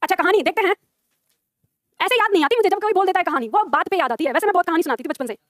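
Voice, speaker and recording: Fast, high-voiced woman teacher. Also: expressive, a bit bright, no room sound, studio quality. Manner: chatty, laughing, addresses students directly. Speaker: Hindi teacher. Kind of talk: live classroom lesson chat. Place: classroom with students.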